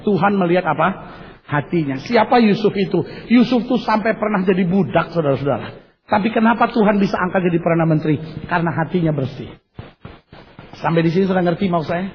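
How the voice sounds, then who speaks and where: A male preacher with a high voice drives his sermon with rhetorical questions and emphatic, repeated phrases. The recording is dull and lo-fi, with a faint hiss underneath. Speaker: pastor.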